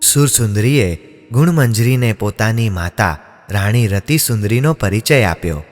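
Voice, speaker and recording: Low-voiced solemn male narrator. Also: lively intonation. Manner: measured, solemn storytelling. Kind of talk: scripted story narration. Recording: long reverb, music underneath.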